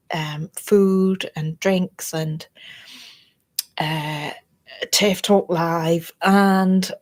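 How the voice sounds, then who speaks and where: Her voice is lowish and a little mellow, with a North East English accent and a slightly froggy, chesty throat. This vlogger chats casually to camera in a meandering way, drifting across topics.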